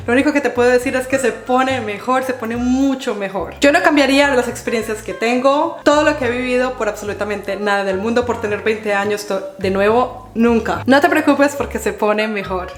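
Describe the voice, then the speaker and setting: Vlogger, woman, 30s; bright-pitched and earnest, speaking straight to the viewer; roomy echo, faint music bed. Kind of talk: casual vlog talk to camera.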